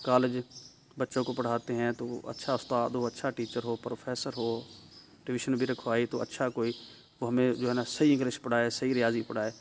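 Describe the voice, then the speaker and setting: A man's voice: mid-range voice, monotone, a little hiss or hum. A man with a Pakistani Urdu accent teaching tajweed in a recorded lesson, explaining step by step, checking in often with the listener and carefully drawing out letter sounds. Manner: explanatory, frequent "ٹھیک ہے" check-ins.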